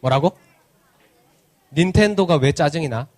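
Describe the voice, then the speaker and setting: A male children's pastor leads a church kids' service in a fairly high, very animated voice. He banters and teases, throwing question after question at the children. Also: a little slow. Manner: playful, teasing banter with kids; asks the children many questions. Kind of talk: interactive children's sermon.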